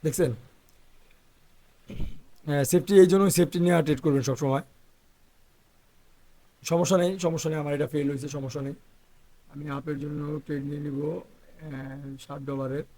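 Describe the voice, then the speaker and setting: A hoarse man who is feeling unwell, talking through live trades as an instructor and checking "okay?" after each point. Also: on the high side, steady tone, moderate pace, pauses often, dark tone. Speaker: trading instructor. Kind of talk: live trading walkthrough.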